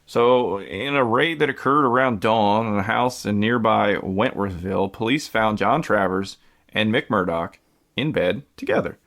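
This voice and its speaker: With vocal fry in a lowish, slightly bright voice, this American man speaks unhurriedly. He hosts a podcast and tells a true-crime story conversationally, with lots of fillers and do-overs.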